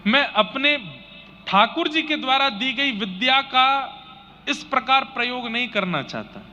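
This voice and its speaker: A preacher voicing a devout blind boy, calm and gently reproachful. The voice is high and bright. The audio is a little dull, with faint noise underneath. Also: measured pace, heavily acted.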